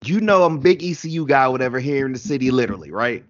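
A man's voice: mid-range voice, animated, very fast. A man chatting casually about sports, slangy and full of laughs. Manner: slangy, laughs often, says bro and literally. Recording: lo-fi dull sound.

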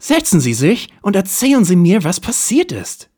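A man's voice: high voice, moderate pace, husky, voice pushed up, heavily acted. A man doing a curt, jaded private eye. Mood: cool. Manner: curt, cool, deadpan. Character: jaded cool male private detective.

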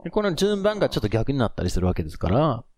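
A man co-hosting a casual podcast, patiently coaching pronunciation and teasing his partner while repeating phrases slowly. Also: medium pitch, sing-song, a little mellow, slight background noise. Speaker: podcast co-host coaching English. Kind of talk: casual chat with pronunciation drills.

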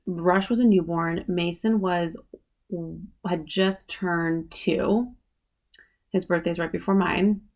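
In a lowish voice with vocal fry, a podcast host in her late thirties talks casually on her own. Her chatty delivery is full of fillers such as "like" and "you know what I mean."

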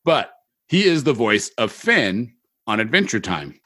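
A man's voice: mid-range voice, big pitch swings, measured pace, a bit bright. A man co-hosting a casual podcast, with reverb bouncing around a bare-walled room. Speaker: podcast co-host. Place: home office emptied to bare walls.

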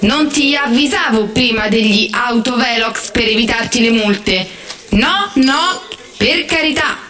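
A woman's voice: on the high side, a little slow, bright, forceful tone. A woman playing a touchy, sarcastic, passive-aggressive female satnav assistant in a comedy sketch. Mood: offended sarcasm.

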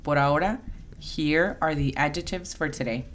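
A woman hosting a bilingual English-lesson podcast as the teacher, explaining words and spelling out their pronunciation slowly and carefully. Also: deep voice.

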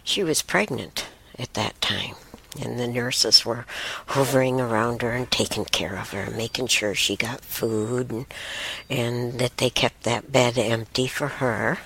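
A woman hosting a talk show, telling a spiritual story in a rambling way, with soft whispered asides. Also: extremely low pitch, unhurried, gravelly, breathy edge. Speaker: show host.

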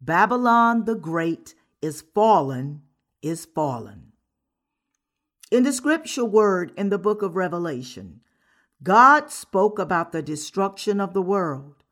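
Slow, measured woman reading a sermon. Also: medium pitch. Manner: measured, earnest delivery. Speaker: sermon reader.

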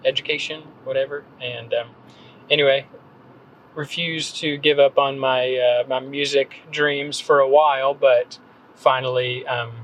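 Over slight background noise and poor audio comes a mid-range male voice belonging to a man in his thirties from North Carolina. He's a podcast guest in a casual conversational interview, rambling hesitantly and restarting often with plenty of ums.

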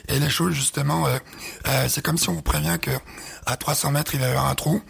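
A man's voice: a little high, steady tone, a little fast, vocal fry, a bit bright, husky. A man co-hosting a podcast in casual chat, speaking hesitantly with many fillers and explaining through images. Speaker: podcast co-host.

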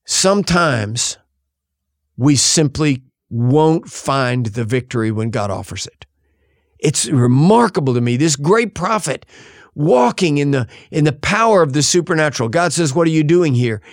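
A male pastor preaching a sermon, shifting dramatically between loud and hushed delivery. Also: fairly high pitch, expressive, a little slow, no echo, clean studio sound.

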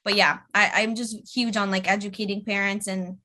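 Bright-voiced chatty woman guest. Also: medium pitch, level tone, moderate pace. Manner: chatty, many fillers, acts out her own quotes. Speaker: speech therapist guest. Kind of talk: casual podcast chat.

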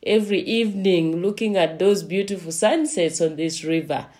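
A woman from Zambia, a lodge manager, talking slowly with many pauses as a guest in a remote interview. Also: lowish voice, lively intonation, darkish tone. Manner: slow, unhurried, with frequent pauses.

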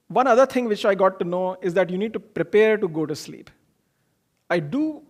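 A man's voice: sits high, a little mellow. A man speaks. He delivers an informal motivational talk in an earnest, explanatory way. He shares personal anecdotes and often asks a question before answering it himself. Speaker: speaker giving a self-improvement talk.

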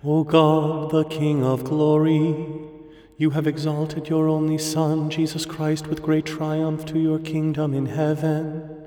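A man with a slightly high, mellow voice leads a prayer service. He recites solemnly and evenly, at times almost chanting. His words ring out in a long, echoing church-like reverb. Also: monotone. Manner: measured, solemn, partly intoned. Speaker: officiant leading morning prayer. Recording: echoey church-like hall, long reverb, music.

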